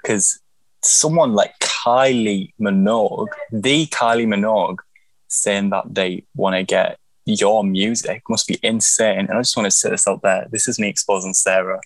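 A man's voice: fairly low pitch, steady tone, normal speed, dry recording, low-quality recording. A man co-hosting in casual banter, with a teasing, mock-serious way of talking. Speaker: co-host.

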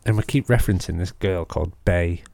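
A young man with a gravelly voice, chatting and telling anecdotes as a sweary podcast host. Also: low voice, a little fast, darkish tone, no echo. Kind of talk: casual banter and anecdotes.

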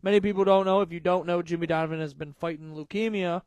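A man in his early thirties hosts a casual sports talk show, his voice pitched high for a man. He gets loud and excitable and swears freely. The sound is dry and close to the mic. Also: quick pace, no room sound. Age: 30s. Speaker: podcast co-host.

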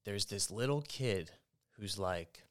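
A young adult man hosting a casual sports betting talk show, telling stories in an animated, excitable way. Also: on the low side, takes it slowly. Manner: animated storyteller, excitable, mimics shouting. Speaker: host.

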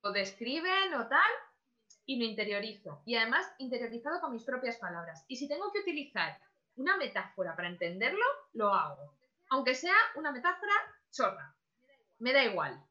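A woman chats as a podcast guest, her voice bright and fairly high. She talks with lots of fillers and laughs easily. The recording is a little dull and lo-fi. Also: big pitch swings, fairly quick. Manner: chatty, many fillers, laughs often. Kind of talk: casual podcast chat.

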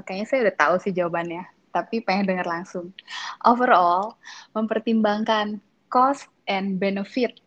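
A woman hosting a podcast interview, friendly and eager, chiming in with quick affirmations. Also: mid-range voice. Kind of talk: casual interview chat. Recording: slightly dull lo-fi sound.

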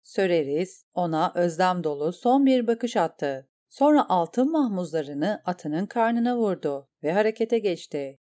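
Mellow woman reading a fantasy novel. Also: on the low side, expressive, measured pace, hardly any pauses. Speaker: audiobook narrator. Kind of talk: scripted narration.

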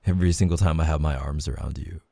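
A young man in a whispered role-play, talking softly and intimately as a reassuring boyfriend. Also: fairly even intonation, quick pace, dry recording. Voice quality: gravelly, husky low voice. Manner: soft, intimate, reassuring talk to the listener.

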